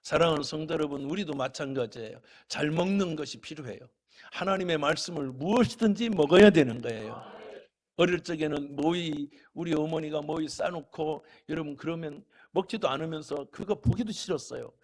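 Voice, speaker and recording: Middle-aged man, pastor, sermon, folksy storytelling, loud exhortation then soft asides, gravelly voice, slightly high pitch. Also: fairly quick. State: a little unwell.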